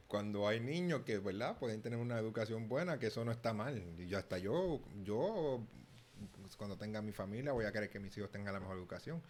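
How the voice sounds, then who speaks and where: A man's voice: medium pitch, slight background noise. A young Puerto Rican man with a Puerto Rican Spanish accent, talking casually as a channel host and often restarting his words. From Puerto Rico. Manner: thinking aloud, frequent restarts and repeated words. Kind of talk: casual commentary.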